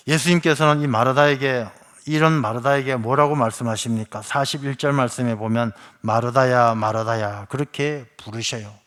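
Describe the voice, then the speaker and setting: A man's voice: mid-range voice, fairly bright tone. A man, a pastor, preaching a Sunday sermon and telling everyday stories with acted quotes of complaining people. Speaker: senior pastor.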